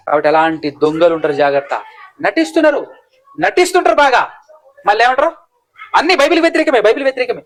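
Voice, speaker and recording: A man preaches in a high, rushing voice. He scolds and fires one rhetorical question after another. The words tumble out at a fast clip. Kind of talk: sermon.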